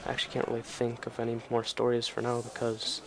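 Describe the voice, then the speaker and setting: A man's voice: medium pitch, monotone, quick pace. A teenage boy giving casual, rambling gameplay commentary at home at night, swearing freely as he chats into his mic. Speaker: gamer. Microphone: desk or headset mic. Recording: game gunfire noise loud underneath. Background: video game gunfire and ambience.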